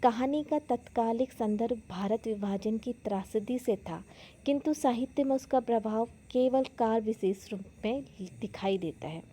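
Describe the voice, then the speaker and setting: A woman teaching a Hindi literature lesson, retelling and explaining a short story in a slow, explanatory way with occasional fillers and restarts. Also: a little high, dark tone, a little hiss or hum.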